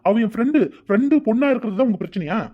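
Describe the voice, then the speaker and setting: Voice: mid-range voice, expressive, racing, lightly acted. A performer voicing a defiant young man in a cartoon, arguing back at his aunt. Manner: protesting, argumentative. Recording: dull lo-fi audio with faint music.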